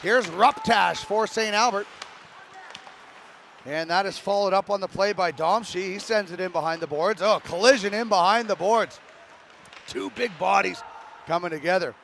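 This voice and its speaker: A man calling live hockey play-by-play, brisk and rising with the action. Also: sits high, a bit bright, slight background noise. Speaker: play-by-play commentator.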